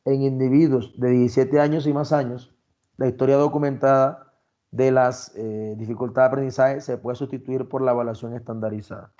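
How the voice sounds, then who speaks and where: Male lecturer, mid pitch, methodical teaching delivery, dull muffled recording. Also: steady tone, moderate pace, dark tone. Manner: explains criteria step by step, addresses students directly. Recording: dull lo-fi sound.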